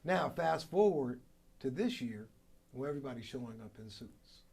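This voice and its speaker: An animated middle-aged American radio man, both program director and morning show host, tells stories as an interview guest at normal speed. His mid-range voice carries vocal fry and is a little mellow and slightly rough, and his polished, emphatic delivery repeats phrases for effect.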